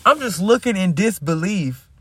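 A man telling a story to his viewers in a casual, lively, slangy way. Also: high voice, normal speed, slightly rough, dry recording. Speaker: vlogger.

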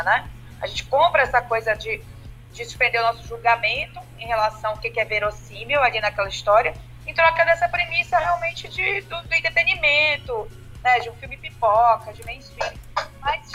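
A woman with a bright, forceful voice sitting a little high in pitch. She talks in a loose podcast chat, animated and critical, dropping casual fillers as she builds her point. Faint music sits underneath. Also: rough recording. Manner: animated and critical, with frequent fillers like 'né' and 'cara'. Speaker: podcast co-host.

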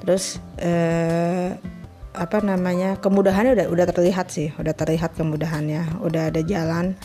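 A woman's voice: lowish voice, level tone, normal speed, dark tone. Woman, casual solo talker, chatty and laughing, faint music underneath. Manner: chatty, laughs often, mixes in English words. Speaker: freelance scriptwriter. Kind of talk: casual personal monologue.

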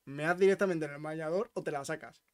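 A man co-hosts a casual podcast chat, joking and teasing as he goes. He speaks fast in a slightly high voice. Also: darkish tone. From Spain. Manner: joking, teasing, laughs often. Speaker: podcast co-host.

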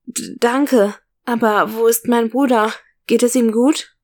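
A woman voicing a lonely, grieving young woman who misses her brother and speaks softly and quietly. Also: medium pitch, steady tone, unhurried. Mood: anxious, unsure. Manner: soft, quiet, subdued.

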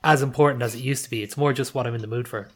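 A man's voice: mid-range voice, fairly even intonation, very fast. An Irish man talking casually in a group chat as a podcast co-host.

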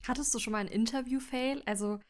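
Woman, higher-pitched, friendly interviewer, casual questions. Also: fairly even intonation, fast talker.

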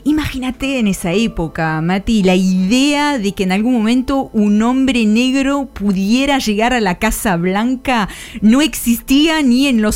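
Slow, dramatic woman radio columnist. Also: fairly high pitch, darkish tone. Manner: slow, dramatic storytelling delivery. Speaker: international affairs columnist. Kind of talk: radio column narration over music.

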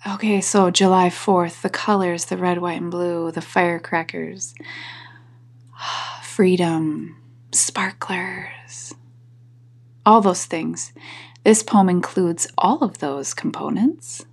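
A woman hosting a podcast, chatting casually and reading poems in a soft voice that drops into whispers. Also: fairly low pitch, steady tone, slow, slightly rough. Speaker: podcast host. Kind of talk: casual talk and poetry reading.

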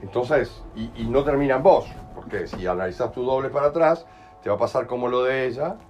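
A man with a Rioplatense Spanish accent leads a group, explaining in an animated way, acting out quoted voices and often checking that listeners follow. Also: medium pitch, a little fast, dull audio, faint music behind. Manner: animated, acts out quoted voices, keeps asking "¿entendés?". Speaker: group workshop leader.

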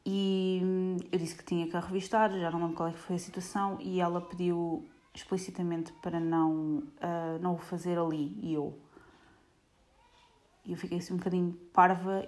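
A woman from Portugal with a European Portuguese accent, an airport security screener chatting casually to her viewers in an animated way. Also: on the low side, normal speed. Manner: chatty, animated, frequent fillers, addresses viewers directly.

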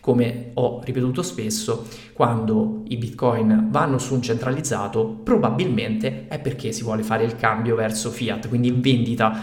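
A man hosting a weekly market update, reading figures out methodically, with low-quality audio recorded while traveling. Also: normal speed, hardly any pauses, darkish tone, reverberant. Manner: methodical, reads out figures steadily. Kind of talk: scripted market commentary. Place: temporary room while away from home.

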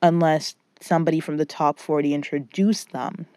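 A woman talking casually on a solo podcast in an informal, halting, rambling way, muffled in a closet with hardly any reverb. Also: low voice, steady tone, darkish tone. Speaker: podcast host and music producer. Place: recorded in a small clothes closet indoors. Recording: muffled, dry closet sound. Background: nothing, little reverb.

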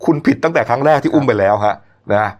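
A man hosts a news talk show, walking through stories in a chatty, opinionated manner. His voice sits at a middle pitch, and he sprinkles his speech with polite particles. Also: expressive, very fast, a little mellow, lo-fi sound. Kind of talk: conversational news commentary.

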